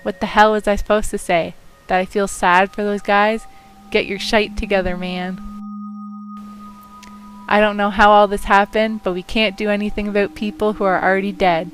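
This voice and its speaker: A man's voice: high-pitched, little pitch movement, moderate pace, fairly bright tone, soft background music. A woman voicing a blunt, bossy teenage schoolboy in a nasal voice while reading a horror game aloud. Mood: scolding. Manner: blunt, scolding.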